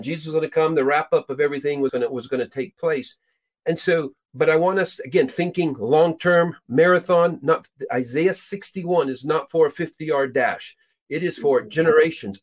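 A middle-aged man raised in Peru, hosting a show and teaching from the Bible in an emphatic way, stressing his high points. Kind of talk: scripture teaching talk.

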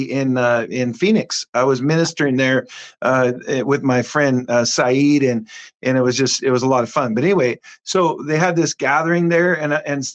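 Animated man telling stories, slightly high. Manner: animated, quick storyteller with many restarts and acted-out quotes. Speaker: guest minister. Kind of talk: conversational storytelling.

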